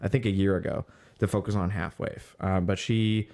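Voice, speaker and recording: A man with a low, steady voice, some vocal fry and a darkish tone talks at a normal speed. He's co-hosting a casual podcast and reading out music news, hesitating with lots of ums and trailing off mid-sentence while searching for words.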